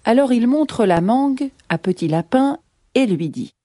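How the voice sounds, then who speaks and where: A woman reading a children's story aloud in an expressive, unhurried way. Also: fairly high pitch, dry recording.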